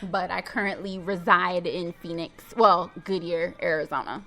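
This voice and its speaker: A woman in her thirties from Virginia speaks as a radio guest. Her voice sits fairly low, and she answers in a casual, friendly way with easy laughter. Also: fairly even intonation, moderate pace, fairly bright tone. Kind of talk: casual interview.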